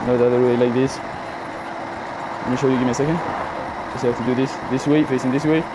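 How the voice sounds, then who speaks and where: A man's voice: mid-range voice, steady tone, fast. A man chatting casually in a slangy vlog style as he works and talks to customers. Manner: slangy, addresses viewers and customers as bro and man. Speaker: car wash worker and vlogger. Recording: clear outdoor traffic and car noise.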